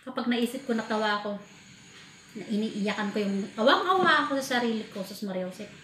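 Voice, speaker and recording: Woman from the Philippines, casual vlog storyteller, animated, higher voice, echoey room. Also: fast. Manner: animated, laughing while telling a sad story. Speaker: vlogger. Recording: echoey room with faint ambient noise.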